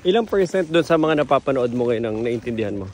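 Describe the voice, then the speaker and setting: A man's voice: medium pitch, expressive, fast, a little mellow. A man acting as boss on a company trip, teasing his employee in a jokey, bossy casual chat outdoors at a tourist site. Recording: outdoor crowd chatter behind.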